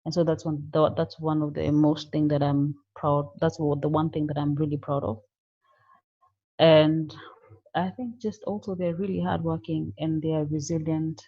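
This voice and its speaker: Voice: medium pitch, flat delivery, normal speed, muffled recording. A panel guest from Kenya who speaks hesitantly, with many fillers. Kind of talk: panel discussion.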